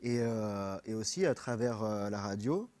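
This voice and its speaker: Earnest French-accented man, halting speech. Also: fairly low pitch, animated, a little mellow. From France. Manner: earnest, halting, many fillers, mixes in English. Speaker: personal trainer, guest. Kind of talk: radio interview.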